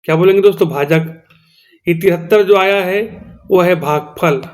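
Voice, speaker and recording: A male teacher with a high voice and a Chhattisgarhi-tinged Hindi accent explains a maths lesson step by step at a moderate pace. He checks in with his students often, repeating "theek hai doston."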